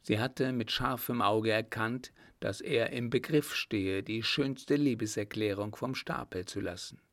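Slow gravelly male narrator. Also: on the low side, no echo, studio quality. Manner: measured, even storytelling. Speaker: audiobook narrator. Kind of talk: scripted narration.

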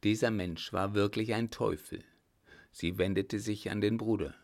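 A male narrator reads an audiobook in a measured, even way. His delivery is slow, and his voice has a gravelly texture. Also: fairly low pitch.

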